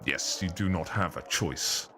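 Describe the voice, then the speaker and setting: A man's voice: a little slow, sharp tone, faint music behind. A man through a voice changer as a stern guard captain. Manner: curt, authoritative orders. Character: stern commanding male captain of the city guard. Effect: voice changer deepening the voice. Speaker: game master.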